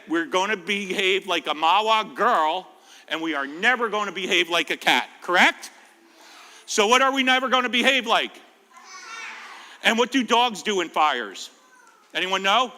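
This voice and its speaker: Speaking in a high, bright, forceful voice with lively intonation, an American man tells children stories as a firefighter giving a talk, at normal speed with frequent pauses. He's informal and jokey and quizzes his listeners. The recording carries the echo of a reverberant library room.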